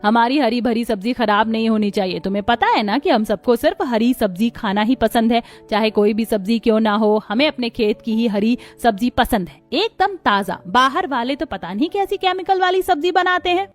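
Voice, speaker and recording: Lady voicing a strict cartoon mother-in-law, bossy, kinda high voice. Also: animated, normal speed, hardly any pauses, lightly acted. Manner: scolding, commanding. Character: stern bossy mother-in-law, older woman.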